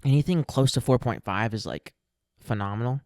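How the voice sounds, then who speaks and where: A man's voice: mid-range voice, brisk, darkish tone, no room sound, clean studio sound. A young man co-hosting a podcast, chatting casually and animatedly with a friend, laughing easily and restarting his sentences. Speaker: podcast co-host. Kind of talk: casual chat.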